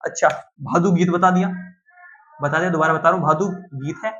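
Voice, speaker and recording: A man's voice: on the high side, steady tone, fairly quick, a bit bright, faint music behind. A male teacher from Uttar Pradesh, India, giving a classroom lecture, repeating key terms and asking and answering his own questions. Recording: dull lo-fi sound.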